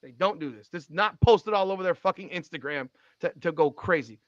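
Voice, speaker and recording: A man's voice: a little high, lively intonation, brisk, no room sound. A man in his forties hosting a podcast, talking in an emphatic, repetitive way and swearing freely. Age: 40s. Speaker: podcast host. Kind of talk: casual podcast chat. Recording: dull, slightly lo-fi sound.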